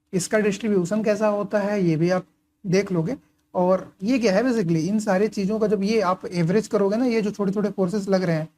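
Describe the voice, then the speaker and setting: A man with a dark, mellow voice tutors engineering in a laid-back, conversational lecture, with a little hiss or hum in the background. He answers his own questions as he goes, drops in quick check-ins, and writes and highlights his notes while speaking.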